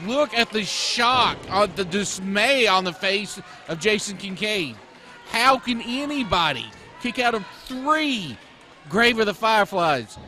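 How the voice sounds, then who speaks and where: A man gives color commentary on a wrestling match. His voice is high and bright, with emphatic, dramatic reactions. A crowd sits faintly behind him. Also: expressive, unhurried. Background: crowd at a wrestling event.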